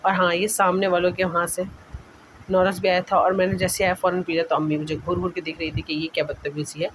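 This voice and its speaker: A man's voice: sits high, little pitch movement, fast, a bit bright. Chatty young man with a noisy recording. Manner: chatty, rambling, self-correcting. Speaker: vlogger. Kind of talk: casual vlog voice-over.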